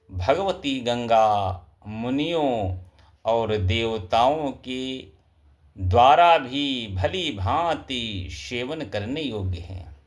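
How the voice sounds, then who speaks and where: Very slow reverent preacher man. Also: mid-range voice. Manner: slow, reverent, chants Sanskrit verses. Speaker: pandit, scripture storyteller. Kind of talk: devotional scripture discourse.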